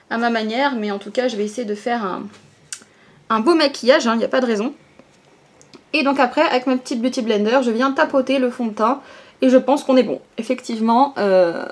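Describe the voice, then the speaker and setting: A young woman with a somewhat high voice talks casually as she does her makeup. She explains each step in a chatty way, dropping fillers and small "hop" sounds as she works. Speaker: beauty vlogger. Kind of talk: casual get-ready-with-me makeup tutorial.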